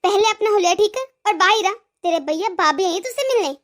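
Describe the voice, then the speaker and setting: A cruel, bossy mother-in-law in a cartoon, played by a woman barks sneering taunts. Her voice is loud, high and cutting, forever scolding. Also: expressive, fast. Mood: threatening. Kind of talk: cartoon voice acting.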